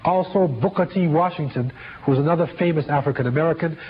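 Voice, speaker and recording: A man giving a history lecture in a measured, halting way, with many fillers and restarts. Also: a little high. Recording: dull lo-fi lecture recording with faint hiss.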